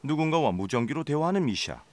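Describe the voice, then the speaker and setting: A man narrating a documentary in a measured, informative scripted voice. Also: a little high, big pitch swings, noisy background.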